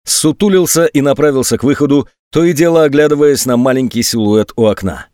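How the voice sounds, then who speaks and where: A man reads a dramatic audiobook in a measured, tense storytelling manner. His voice sits at an ordinary pitch. The recording is dry and close. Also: dark tone, no room sound. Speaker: audiobook narrator. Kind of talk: dramatic literary narration.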